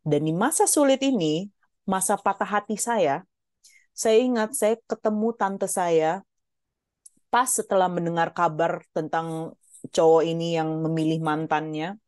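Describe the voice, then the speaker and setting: A woman's voice: fairly low pitch, measured pace, a little mellow, no echo, studio quality. A woman giving a heartfelt personal faith testimony as a guest speaker, slipping English phrases in and often addressing the listeners as ladies.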